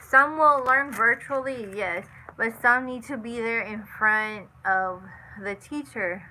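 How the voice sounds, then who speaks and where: A woman's voice: a little high, slow pace, sharp tone, a little hiss or hum, rough recording. A woman in her thirties hosting a casual live chat, answering viewers and repeating herself with lots of "you know" and "like". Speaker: livestream host.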